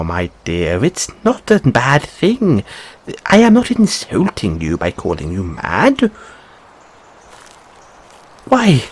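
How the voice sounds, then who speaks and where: A man's voice: fairly high pitch, breathy edge, exaggerated voice. A man playing an anxious, polite, whimsical rabbit boy in a fantasy audio roleplay, with stammered, courteous, old-fashioned phrasing. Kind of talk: theatrical fantasy audio roleplay addressed to listener.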